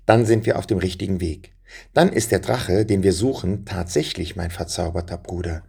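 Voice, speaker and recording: A man voicing a brave, quick-witted young hero in a children's story, earnest and resolute. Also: sits low, gravelly, a little mellow, slightly rough, heavily acted.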